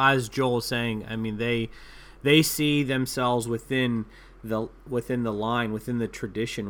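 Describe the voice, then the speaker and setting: Bright-voiced man explaining theology. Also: lowish voice, a little hiss or hum. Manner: thoughtful, halting explanations with many fillers. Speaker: panelist. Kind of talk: theological panel discussion.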